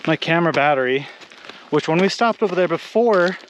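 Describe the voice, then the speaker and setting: A man filming himself as he hikes outdoors, out of breath and exclaiming excitedly on a handheld camera mic. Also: fairly high pitch, fairly quick, slight background noise. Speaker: vlogger exploring ruins. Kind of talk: excited on-the-spot hiking commentary. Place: outdoors on a hilltop.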